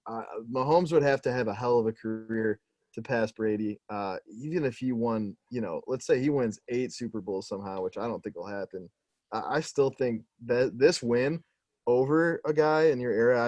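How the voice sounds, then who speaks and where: A man's voice: on the low side, a little mellow, no room sound. A man co-hosting a podcast who gives laid-back, offhand opinions in casual sports chat. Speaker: podcast co-host.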